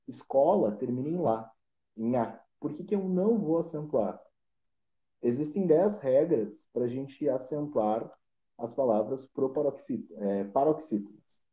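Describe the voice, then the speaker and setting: Mellow-voiced man teaching. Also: mid-range voice. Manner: patient, explains step by step with examples. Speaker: Portuguese teacher. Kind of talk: casual explanatory lesson. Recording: roomy, dull lo-fi live stream audio.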